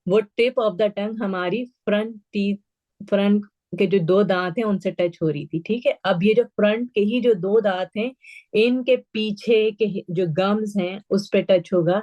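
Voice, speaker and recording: Woman tajweed teacher, patient and clear, repeats sounds slowly for her class. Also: medium pitch, a little mellow, highs cut off. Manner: mixes English words into Urdu. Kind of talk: online class instruction.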